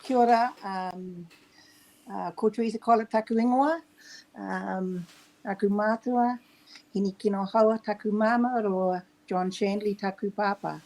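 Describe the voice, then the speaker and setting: Middle-aged New Zealand woman, guest; hesitant, soft-spoken, steady mid-range voice. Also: mid-range voice, unhurried, low-quality recording. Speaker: podcast guest. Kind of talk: casual interview talk.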